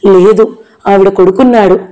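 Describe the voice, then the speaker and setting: A shaken young daughter in a spoken story, answering through tears in a plain, mellow voice, read by a woman narrator. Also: mid-range voice, fairly even intonation, normal speed, lightly acted, low-quality recording. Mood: tearful. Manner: tearful, shaken.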